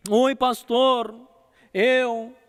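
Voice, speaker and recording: A man's voice: very high voice, flat delivery, fairly bright tone, smooth, heavily acted. A man voicing a young male churchgoer who keeps apologizing and making excuses to his pastor, quoted in a sermon in a reverberant church hall. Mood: apologetic, evasive. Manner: hurried excuses, exasperated outbursts.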